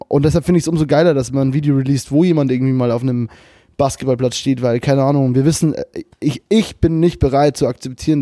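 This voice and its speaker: A man's voice: mid-range voice, warm tone, no echo, studio quality. A young man co-hosting a casual podcast, speaking loosely with slang, swearing and English words mixed in. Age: young adult. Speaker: podcast co-host. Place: remote call at a computer with webcam.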